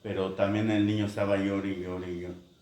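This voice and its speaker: A man's voice: low voice, level tone, normal speed, darkish tone. A man preaching a sermon, telling stories and acting out quoted voices. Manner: storytelling with acted-out quotes. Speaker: pastor. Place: church. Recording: echoey church hall.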